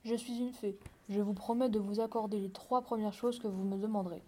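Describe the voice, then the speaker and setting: A woman reading the part of a fairy who grants wishes, calm and solemn. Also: mid-range voice, a little fast, lightly acted. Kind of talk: read-aloud fairy tale dialogue.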